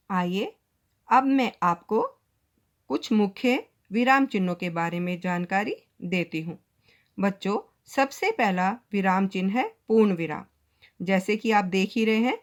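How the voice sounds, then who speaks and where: Female teacher, patient explanatory delivery, addresses pupils directly; virtual-classroom lesson recording. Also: medium pitch. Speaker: school teacher.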